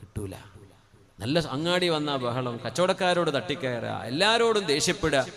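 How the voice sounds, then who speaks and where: A man with a Malayali accent giving a sermon into a microphone, moving between chanted Arabic phrases and quiet, conversational asides. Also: a little high, big pitch swings, normal speed. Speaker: preacher.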